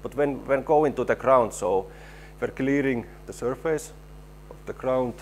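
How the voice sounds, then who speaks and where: A man giving a technical conference presentation, halting and repeating words as he explains his slides. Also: mid-range voice, slight background noise. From Finland. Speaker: presenter, stabilization engineer.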